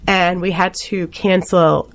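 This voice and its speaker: Animated, chatty woman with a faint Boston accent. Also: fairly low pitch, slow pace. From Boston area. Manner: animated chatterbox, laughs often, full of fillers. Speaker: radio show guest. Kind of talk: chatty interview conversation.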